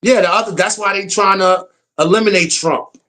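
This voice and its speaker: A high-pitched, pushed, bright voice belongs to an American political commentator ranting casually at a moderate pace. He's blunt, uses slang, and repeats his points for emphasis.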